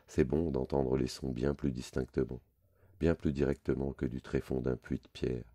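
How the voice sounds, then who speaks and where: Very deep gravelly man reading. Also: steady tone, normal speed, mellow. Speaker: reader. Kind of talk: literary story reading.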